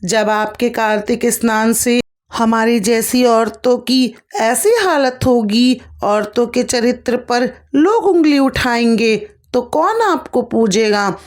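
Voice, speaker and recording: A woman's voice: fairly high pitch, lively intonation, takes it slowly. A woman voicing a patient, devout young daughter-in-law who speaks politely and pleads. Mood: pleading.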